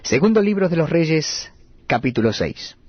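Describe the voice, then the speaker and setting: A man reading scripture aloud at a steady, measured cadence. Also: fairly high pitch, slightly rough, no room sound, muffled recording. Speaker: Bible reader.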